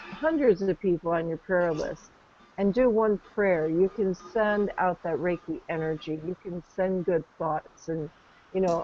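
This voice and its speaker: A woman calmly guiding a session, gentle and affirming, talking soothingly about calm and connection. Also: on the low side. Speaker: session facilitator. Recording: dull lo-fi recording.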